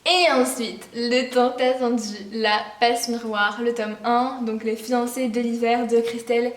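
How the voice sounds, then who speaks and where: A teenage girl vlogs about her presents in an excited, rambling way, full of fillers and false starts. Her voice sits a touch high. The room is echoey and she is some distance from the microphone. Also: measured pace. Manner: bubbly, rambling, many fillers and restarts. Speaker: vlogger. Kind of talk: casual gift haul vlog.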